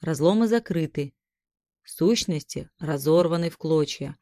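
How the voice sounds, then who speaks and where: A woman narrating a first-person fantasy audiobook in a steady, even reading. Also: deep voice, a little slow, no echo, studio quality.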